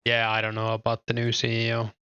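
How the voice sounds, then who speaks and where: This medium-pitched young man speaks fast with a clear, resonant tone, his Finnish accent showing as he games and reads out his chat. He's a relaxed, hesitant streamer who leans on lots of fillers, captured in a dry, lo-fi recording.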